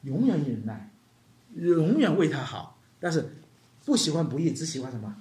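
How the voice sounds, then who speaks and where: Pastor mid-sermon in a church hall: expressive pitch swings, questions thrown at the congregation, English terms slipped in, with a roomy echo. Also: moderate pace. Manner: asks the congregation rhetorical questions; mixes English terms into Chinese. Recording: echoey room.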